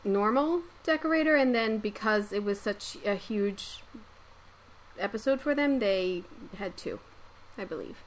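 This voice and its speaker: A woman's voice: medium pitch, lively intonation, measured pace. A woman hosting a podcast, chatting casually and often hedging her points. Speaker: podcast host, set decorator.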